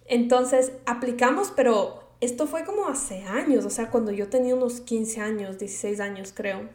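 A woman in her twenties from Ecuador, with an Ecuadorian Spanish accent, hosts a casual personal podcast monologue in an echoey room. Her voice is on the high side and a little mellow, at normal speed. She chats and rambles, slipping in English words.

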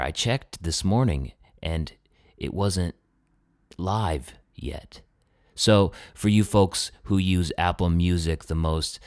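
A man's voice: a bass voice, no room sound, studio quality. A male singer-songwriter talking in a casual solo monologue, easygoing and chatty. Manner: easygoing, chatty self-promotion.

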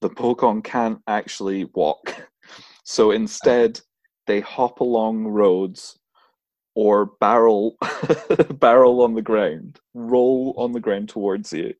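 A man's voice: fairly low pitch, slow, a little mellow, dry recording. A man co-hosting a podcast, telling a story in casual chat and laughing often as he talks. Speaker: podcast co-host.

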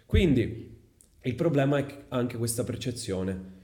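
A man's voice: mid-range voice, expressive, unhurried, mellow, echoey room. A man talking casually as a guest on a podcast, explaining his points at length. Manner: explanatory, switches into English for examples.

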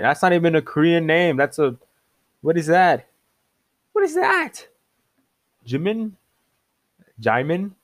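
A young man giving casual reaction commentary, excitable and mocking, often laughing and jumping up in pitch in disbelief. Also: dry recording. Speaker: online commentator.

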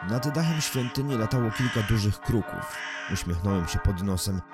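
A man narrating a first-person thriller audiobook in a calm, measured storytelling manner. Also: lowish voice, over loud music.

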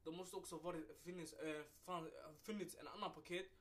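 Slangy young man telling a story. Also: on the high side. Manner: animated storyteller, mixes street slang and swearing. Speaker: podcast co-host. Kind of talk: casual chat. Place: podcast recording room.

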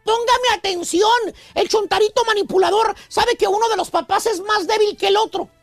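A man's voice: very high-pitched, moderate pace. A man hosting a radio comedy bit, calling everyone brother and son. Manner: theatrical, calls listeners brother and son. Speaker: radio show host. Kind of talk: comic preacher-style radio monologue.

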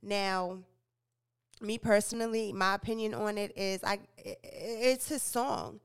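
A young woman who hosts a podcast and radio show offers chatty, opinionated entertainment news commentary, often stumbling and correcting herself. Her voice is smooth and medium-pitched, with a steady tone and measured pace.

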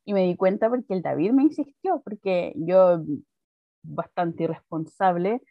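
A woman's voice: on the low side, measured pace, dry recording, dull audio. A young woman in her twenties with a Chilean accent, telling her story in casual chat and laughing often. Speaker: guest.

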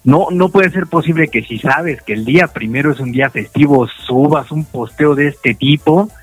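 A man's voice: fairly high pitch, moderate pace, slightly rough, dry recording, soft background music, low-quality recording. A man with a Mexican accent co-hosting a radio show by phone, bantering casually and emphatically in slang.

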